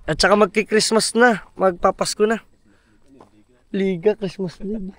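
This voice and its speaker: A man's voice: high voice, fairly even intonation, unhurried, no room sound. A man vlogging outdoors at a camp build site, talking directly to his viewers in a casual, upbeat way. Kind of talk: casual vlog narration.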